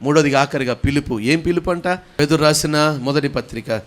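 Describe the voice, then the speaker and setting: A man preaching a sermon, swinging from loud fervent calls to low quiet lines. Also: normal speed. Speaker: pastor.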